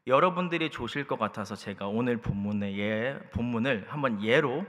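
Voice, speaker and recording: A man's voice: mid-range voice, a little fast. A man in his thirties preaching a youth service sermon, telling stories with humor and speaking directly to the congregation. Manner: lively storytelling with humor, addresses the congregation. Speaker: pastor. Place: church sanctuary. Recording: long church hall reverb.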